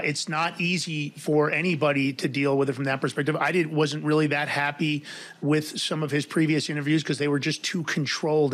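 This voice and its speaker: A man hosting a political talk show, chatting casually and laughing as he reads headlines. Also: a little high. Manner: animated, laughs while reading. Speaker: podcast host.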